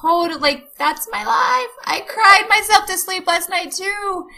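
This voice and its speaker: A woman's voice: extremely high pitch, measured pace, creaky, sharp tone, low-quality recording. A woman guest on a podcast interview, a coach who talks candidly and emotionally about faith and hardship. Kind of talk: conversational interview.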